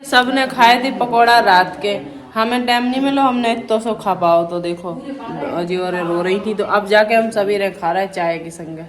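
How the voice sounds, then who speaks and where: Speaking at medium pitch and a normal speed, a young Bundeli-accented woman from Bundelkhand, India, records a relaxed family vlog at her village home. She's a vlogger and mother, chatty and teasing toward her children and about them.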